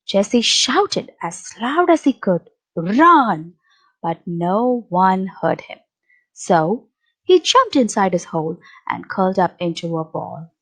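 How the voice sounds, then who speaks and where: Slow storytelling woman reading aloud. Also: medium pitch, sing-song, low-quality recording. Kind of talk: reading a picture book aloud.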